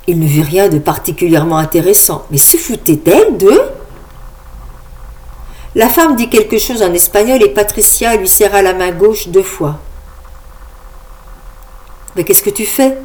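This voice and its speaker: Female audiobook narrator, wry and conversational, mid pitch. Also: animated, normal speed, warm tone. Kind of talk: audiobook reading of a comic story.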